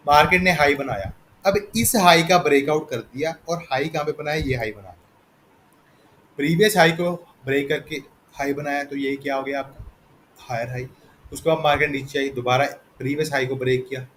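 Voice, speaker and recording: A man's voice: mid-range voice, slight background noise, rough recording. Man teaching chart patterns, patiently repetitive. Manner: patient, repetitive, checks in with "theek hai na". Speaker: trading instructor. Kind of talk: explaining chart patterns in a lesson.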